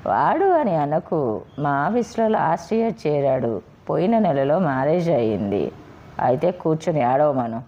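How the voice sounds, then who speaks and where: A woman's voice: low voice, moderate pace, lo-fi sound, natural voice. A woman doing a bossy, commanding wife. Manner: commanding, scolding, loud. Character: bossy domineering middle-aged wife.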